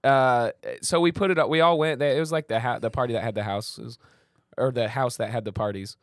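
A man's voice: medium pitch, a little fast, no room sound. A man co-hosting a casual comedy podcast, telling a rambling story with restarts and trailing sentences. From Nebraska. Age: young adult or older. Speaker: podcast co-host.

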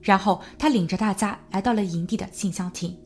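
A woman narrating a true crime podcast in a measured storytelling voice, building suspense as she goes. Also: medium pitch. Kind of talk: scripted narration.

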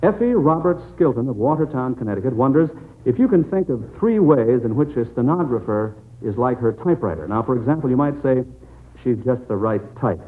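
An American quizmaster hosts a 1940s children's radio quiz, folksy and encouraging, his medium-pitched voice expressive and fairly quick. The old narrow-band recording sounds muffled.

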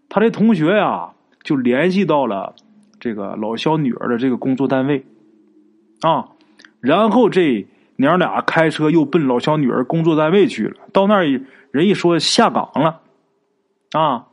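A man with a medium-pitched voice tells a ghost story in a chatty, folksy style. He draws out his particles and addresses his listeners directly.

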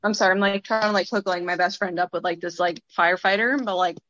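A woman in casual chat, giggly and quick with interjections. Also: lowish voice, steady tone, dull audio, noisy background.

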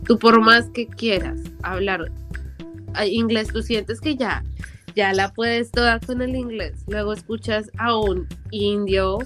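A woman's voice: mid-range voice, fairly even intonation, takes it slowly, a bit bright, faint music behind. Chatty young woman who laughs easily. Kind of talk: casual conversational chat.

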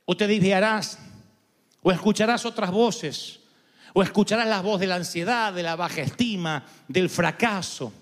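A man with an Argentine Spanish accent preaching a sermon as pastor, animated and playful, imitating voices and honking sounds to make his point. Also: high-pitched, normal speed. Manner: animated, imitates voices and goose honks for humor. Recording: long hall reverb.

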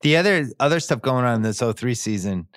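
A man hosting a podcast, telling sports stories in a casual, animated way with wry asides. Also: mid-range voice, fast, dry recording, studio quality. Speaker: podcast host.

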